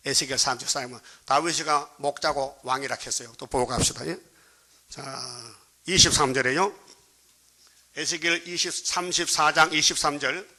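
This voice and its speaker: Bright, forceful Gyeongsang Korean preacher. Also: male voice, on the high side. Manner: prods the congregation with constant questions; colloquial, joking preaching. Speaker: pastor. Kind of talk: sermon.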